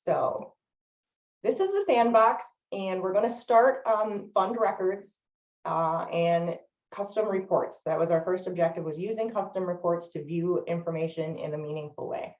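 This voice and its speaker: A woman trainer leading a software training webinar, explaining steadily with frequent "um" fillers. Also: lowish voice, moderate pace. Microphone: video call microphone. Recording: distant, roomy, dull lo-fi webinar audio.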